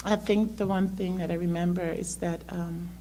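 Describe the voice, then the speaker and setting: A middle-aged woman, born in South America and raised in the Netherlands, shares a hesitant personal testimony as a church member, with lots of ums. Her voice sits on the low side, steady and warm, at a moderate pace. A faint hum runs in the background.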